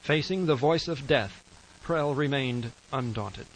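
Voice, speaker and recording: A solemn documentary narrator in a comedy. He has a mid-pitched voice and delivers scripted narration gravely. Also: measured pace, low-quality recording.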